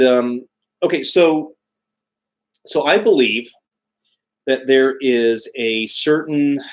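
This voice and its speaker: A man chatting casually as a livestream host, halting often as he searches for his words. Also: medium pitch, low-quality recording. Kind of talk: casual live chat explaining spiritual beliefs.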